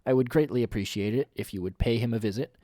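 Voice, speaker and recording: A man voicing a calm, businesslike male doctor in a lowered, measured voice. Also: no echo, studio quality, natural voice. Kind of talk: reading game dialogue aloud.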